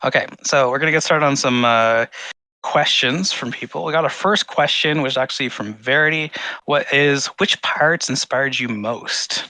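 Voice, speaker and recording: A male host reading out audience questions in a brisk, upbeat way. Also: mid-range voice, pushed and bright, dry recording, poor audio.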